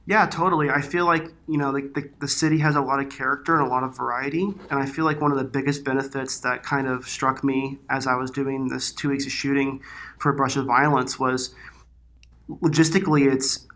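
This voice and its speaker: A man's voice: mid-range voice, fairly even intonation, a little fast, a bit bright. A man giving casual interview answers as a filmmaker guest, in informal, loosely phrased speech. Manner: informal, hesitant phrasing with frequent "like" and "you know".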